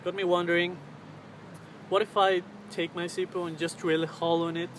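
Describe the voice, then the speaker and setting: Guy in his 20s vlogging outside, kinda flat voice, hesitant, casual, noisy traffic background. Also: sits high. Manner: hesitant, halting, searching for words. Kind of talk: casual chat to camera. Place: outdoors on a riverbank under a road bridge. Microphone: camera's built-in mic at arm's length. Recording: clear outdoor traffic and ambient noise.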